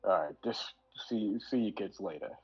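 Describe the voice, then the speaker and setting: A man with a low, husky voice runs a tabletop role-play game. He talks in a loose, rambling way, full of fillers, and slips into quick voices for the characters. The recording sounds dull and lo-fi. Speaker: game master.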